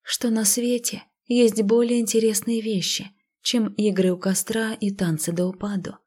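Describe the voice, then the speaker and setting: A woman voicing a listless, melancholy fifteen-year-old village girl who speaks flatly and half in a whisper, in a storybook reading. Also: mid-range voice, moderate pace, close to an everyday voice. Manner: flat, emotionless, half-whispered.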